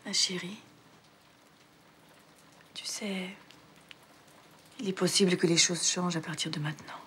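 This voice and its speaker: An actress playing a shaken young wife and mother who speaks in halting, breathy phrases. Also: fairly low pitch, steady tone, a bit bright, slight background noise. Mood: gentle. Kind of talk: period TV drama acting.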